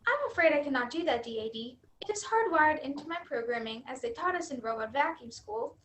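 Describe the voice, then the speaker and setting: Girl acting as a polite little robot vacuum, super high voice, stiff formal wording, stage comedy. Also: expressive, a little fast, fairly bright tone, a little hiss or hum. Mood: earnest, dutiful. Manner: formal robotic phrasing, spells words out letter by letter. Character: earnest, dutiful robot vacuum in love with dishwasher. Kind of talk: scripted youth theater comedy acting.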